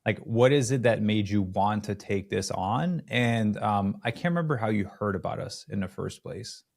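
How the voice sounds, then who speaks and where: This is a male podcast host who works as a fitness coach. His voice sits slightly low. He speaks in an upbeat, affirming way, keeping the conversation casual. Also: normal speed, vocal fry. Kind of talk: casual interview hosting.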